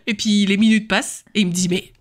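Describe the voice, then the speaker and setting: A woman in her thirties from Lorraine with a Lorraine French accent, co-hosting a podcast in casual chat and telling stories in a lively, animated way. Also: mid-range voice. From Lorraine, France. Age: 30s. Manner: lively, animated storyteller who laughs often. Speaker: podcast co-host.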